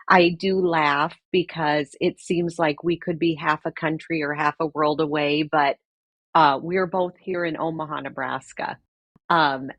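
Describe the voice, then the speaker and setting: A woman guest crafter speaking in a calm, measured way in a casual live-stream conversation over a video call. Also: deep voice, no room sound.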